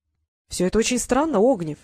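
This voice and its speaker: The reader voices a stern dark-haired councilwoman who presses her point insistently and with indignation. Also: mid-range voice, sing-song, a little fast, no echo, studio quality.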